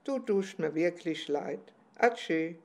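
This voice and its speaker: Field: woman playing a gruff, plump storybook bumblebee. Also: fairly low pitch, expressive, slow pace, darkish tone, heavily acted. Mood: proud.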